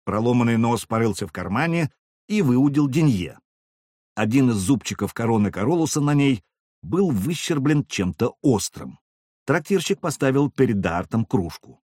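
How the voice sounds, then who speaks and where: A man reading a novel aloud as a narrator with expressive, lively storytelling. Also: medium pitch, moderate pace, no echo, clean studio sound. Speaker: audiobook narrator. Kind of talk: scripted narration.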